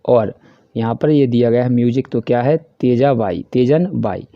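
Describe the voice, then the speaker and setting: A man with a Hindi accent teaching a class worksheet, explaining each answer step by step and reading the English questions slowly. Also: mid-range voice, no room sound. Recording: dry, dull lo-fi voice-over.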